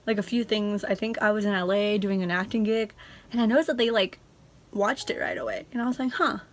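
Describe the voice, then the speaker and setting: A woman's voice: medium pitch, steady tone, brisk. A young adult woman vlogger in a casual, confessional chat, talking informally and rambling as she goes.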